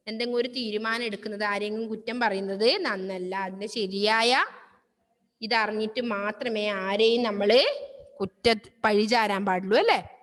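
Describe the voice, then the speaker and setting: A woman teacher going over a story in an online class, explaining slowly and often asking the students "right?". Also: on the high side, a bit bright, big-room sound.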